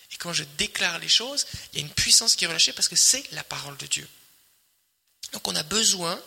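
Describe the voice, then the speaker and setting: A man preaching a sermon, emphatic and repetitive, swelling loud and then dropping quiet. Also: high voice, gravelly. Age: adult, married. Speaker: pastor. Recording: long hall reverb.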